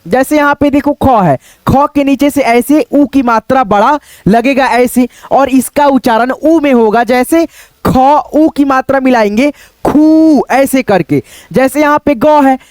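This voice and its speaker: A man's voice: extremely high pitch, unhurried, clean tone, no echo. A man teaching an online Hindi writing lesson, patiently explaining step by step and drawing out the vowel sounds.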